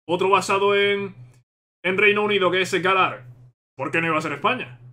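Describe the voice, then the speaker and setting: A man with a Spain Spanish accent, reacting excitedly to a game trailer and thinking aloud as he repeats himself. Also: high-pitched, brisk.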